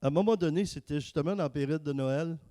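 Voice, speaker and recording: A man preaching a casual, joking sermon and reading scripture slowly. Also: fairly high pitch, warm tone. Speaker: preacher and worship singer. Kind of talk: casual sermon with sung worship.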